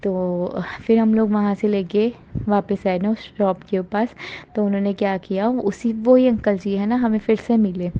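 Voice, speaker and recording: A woman telling listeners about her devotional experiences in a casual, earnest and grateful way, often rising with excitement. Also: medium pitch, normal speed, lo-fi sound, slight background noise. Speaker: devotee sharing a testimony. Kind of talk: casual spoken testimony.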